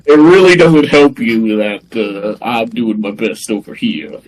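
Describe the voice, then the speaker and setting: A man's voice: fairly low pitch, measured pace, a little hiss or hum, rough recording. A man chatting casually as a player in a tabletop game, somewhat hesitant.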